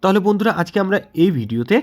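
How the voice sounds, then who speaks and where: A man's voice: sits high, very animated, fast. A man with a Bengali accent, teaching exam prep and patiently walking through mock test answers, asking questions and then answering them himself.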